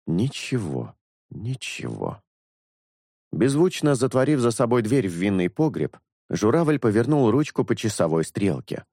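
A man narrates a literary novel in a measured, deliberate way, stretching out dramatic phrases. His voice sits fairly low and sounds dry and close, with no room echo. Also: dark tone. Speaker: audiobook narrator.

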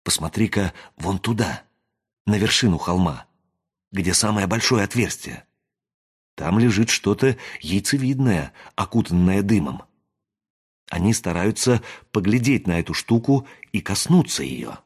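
Hesitant young man, whispered lines, storybook reading, by a male reader, deep and husky. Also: expressive, unhurried, exaggerated voice. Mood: hushed.

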